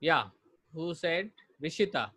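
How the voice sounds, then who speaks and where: A man with an Indian English accent teaching pronunciation in an online class, drilling words slowly and mixing Hindi with English. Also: fairly high pitch, lively intonation, sharp tone.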